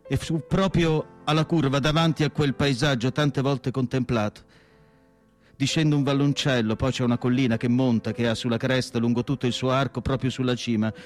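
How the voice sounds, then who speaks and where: An actor portrays an elderly, melancholy asylum doctor and writer, delivering a measured, solemn radio theatre monologue in short phrases separated by pauses. His male voice is medium-pitched and close to an everyday voice, with instrumental music playing behind him.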